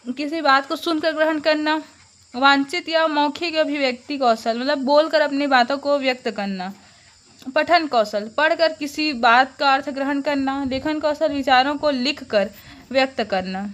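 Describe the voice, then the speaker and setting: A young woman with a high voice teaches an exam-prep lesson. She reads her notes aloud and then restates each term in plain words, repeating key terms slowly. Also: a bit bright.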